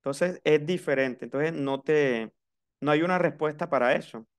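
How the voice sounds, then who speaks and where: A man's voice: fairly high pitch, moderate pace, smooth. A man with a Colombian Caribbean coast accent teaching a class, switching between Spanish and French and repeating words patiently for his students.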